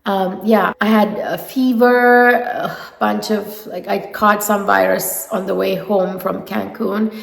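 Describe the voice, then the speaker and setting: A woman's voice: medium pitch, steady tone, slow pace, vocal fry, few pauses, roomy sound, in a large hall. A woman with a nasal head cold reviewing makeup in a casual, gushing way, talking to her viewers. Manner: gushing, enthusiastic. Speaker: beauty vlogger.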